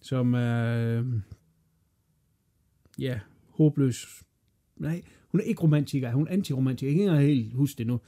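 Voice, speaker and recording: Mellow man, swearing podcast co-host. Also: medium pitch. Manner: loose, swearing, talks over his partner. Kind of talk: casual film review chat.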